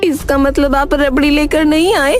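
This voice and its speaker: A woman's voice: high-pitched, steady tone, normal speed, close to an everyday voice. A woman playing a fed-up village wife in a cartoon, scolding and exasperated with her husband. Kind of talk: cartoon voice acting. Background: background music.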